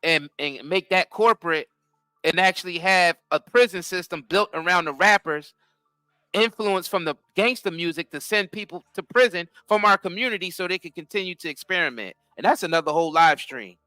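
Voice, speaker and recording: A high, bright-voiced man with who talks earnestly and a little preachily while co-hosting a casual talk show. His tone is smooth and clear. The sound is dry and close, with faint music underneath. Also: brisk, no echo. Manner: earnest, preachy, frequent affirmations like "facts". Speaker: podcast co-host.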